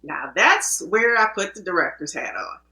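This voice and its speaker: A woman's voice: fairly low pitch, expressive, normal speed, bright, forceful tone. Woman film producer guest, Midwest-raised, chatty and restarting often, in an echoey room. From American Midwest. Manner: chatty, self-interrupting storyteller. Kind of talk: casual interview talk.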